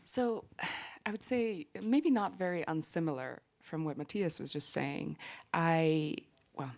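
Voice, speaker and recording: A woman's voice: deep voice, unhurried, slight background noise. A woman who grew up in Tanzania, speaking earnestly and conversationally on a panel. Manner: earnest, conversational, frequent "right?". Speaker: panelist, company founder. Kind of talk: panel discussion.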